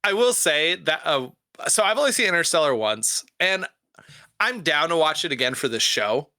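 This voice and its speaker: A man in his thirties, a podcast co-host, telling family stories in casual chat with quick laughs. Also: on the high side, expressive, sharp tone, no echo, studio quality.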